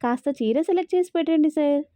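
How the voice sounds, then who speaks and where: A woman's voice: sits high, fast talker, dark tone, no room sound, lightly acted. A woman voicing a cheeky, loyal young male assistant who banters and pleads. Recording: dry, slightly dull recording.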